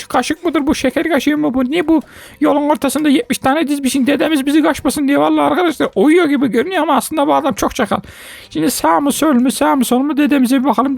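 A woman hosting a gaming video, giving excitable let's-play commentary, exclaiming often and talking straight to her viewers. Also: high-pitched, vocal fry, no room sound.

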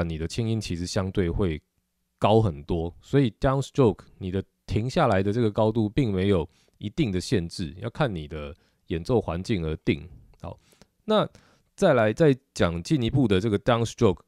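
Man, Taiwanese Mandarin accent, middle-aged, drum teacher, patient explaining, mellow tone, dry recording. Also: on the low side, no room sound. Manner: patient, explanatory, frequent filler particles. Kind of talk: instructional video lesson.

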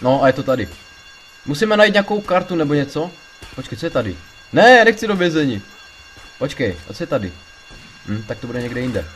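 A man giving casual gameplay commentary, excitable, swearing a lot and panicking loudly when things go wrong. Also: medium pitch, pauses often, soft background music. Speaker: let's play gamer.

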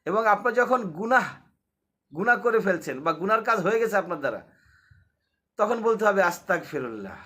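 Man, bright high voice, patient explainer who repeats and asks the listener questions. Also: very animated, moderate pace, long pauses, breathy edge. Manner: explains with repetition and rhetorical questions. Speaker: Islamic teacher. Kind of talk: casual religious lesson.

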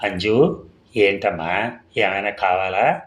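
A man's voice: fairly low pitch, slow pace. A man voicing an awkward, evasive middle-aged father with a coaxing manner.

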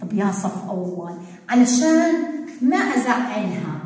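A woman's voice: medium pitch, big pitch swings, measured pace, darkish tone. A woman teaching first graders, drawing out syllables in a sing-song way. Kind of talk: online classroom lesson. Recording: very echoey hall-like room.

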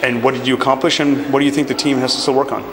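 A man's voice: medium pitch, little pitch movement, very fast. A man interviewing players and coaches after a game, asking casual questions. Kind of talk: postgame questions. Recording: arena noise behind.

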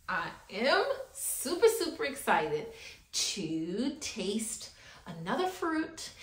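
A woman's voice: on the high side, fairly bright tone. A young woman teaching small children in an earnest, upbeat, sing-song schoolteacher manner, asking encouraging questions to camera. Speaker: preschool teacher. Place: small room set up as a classroom, indoors. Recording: roomy indoor echo.

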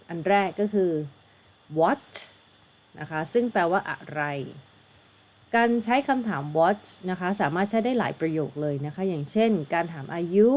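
A woman's voice: mid-range voice, highs cut off. Patient Thai woman teaching English. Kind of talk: exam tutoring lesson.

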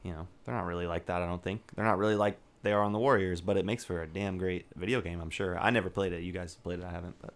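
Male co-host, very deep voice, unhurried storyteller with lots of ums. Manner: relaxed storyteller, frequent ums and self-corrections. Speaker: podcast co-host. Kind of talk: casual chat.

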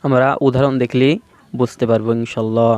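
A man teaching Quran reading, slowly naming each Arabic letter and its vowel sound. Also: medium pitch, little pitch movement, a little mellow, dry recording. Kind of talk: slow step-by-step recitation lesson.

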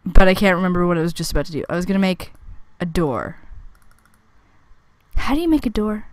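A woman's voice: lowish voice, fairly quick, no room sound. Chatty young woman narrating her gameplay. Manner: chatty, self-answering, teasing the game's monsters, squealing when excited. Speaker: let's play gamer. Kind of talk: casual gameplay commentary.

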